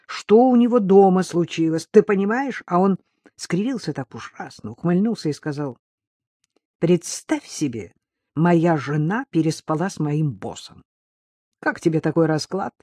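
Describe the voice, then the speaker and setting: A woman's voice: lowish voice, animated, moderate pace, mellow, no echo, studio quality. A woman reading aloud, voicing an offended young woman who defends herself resentfully and insistently.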